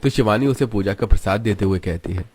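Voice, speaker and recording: Male narrator, slightly low, steady scripted storytelling. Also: a little fast, a little hiss or hum.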